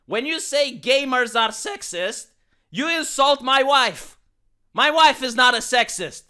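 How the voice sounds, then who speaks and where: A man's voice: very high voice, sharp tone. A YouTuber man ranting in sarcastic, indignant commentary, often repeating words as he gets worked up.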